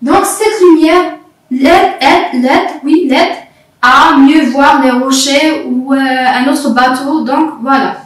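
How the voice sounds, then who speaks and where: A woman's voice: high-pitched, slow pace, distant mic. A woman teaching young pupils to read, patiently repeating and spelling out letters and syllables. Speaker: primary school French teacher. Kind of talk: slow classroom video lesson. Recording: echoey room, voice off-mic.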